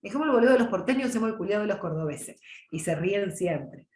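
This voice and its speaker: Fast and lively in intonation, her mid-range voice comes through with a roomy sound. She's a middle-aged woman from Córdoba, mildly Argentine-accented, teaching public speaking over a video call in a casual, conversational lecture. Warm and chatty, she picks up chat questions and names whoever asked.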